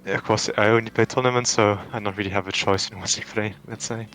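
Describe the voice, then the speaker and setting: A man's voice: fairly low pitch, fairly even intonation, fast, fairly bright tone, a little hiss or hum. A man with a French accent, answering interview questions in a casual, thoughtful way with frequent restarts and fillers. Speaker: tournament champion guest.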